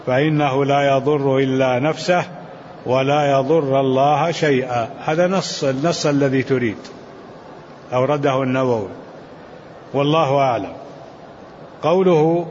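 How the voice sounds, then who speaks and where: An older man teaching a scholarly lesson, reading texts aloud and explaining them in a measured way, chanting the quotations in a lilt. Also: medium pitch, darkish tone, long reverb tail. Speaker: sheikh teaching a commentary. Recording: dull, lo-fi recording with faint noise.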